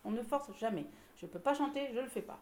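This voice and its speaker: A woman's voice: a little high, expressive, fairly quick, echoey room. A woman leading a choir rehearsal, encouraging the singers and explaining vocal exercises, sometimes singing examples. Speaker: choir director.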